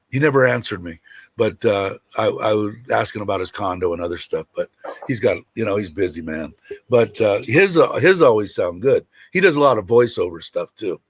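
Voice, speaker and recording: A man with a deep, rumbling voice hosting a casual livestream, rambling and hesitant as he chats. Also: no room sound. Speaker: host of a livestream show.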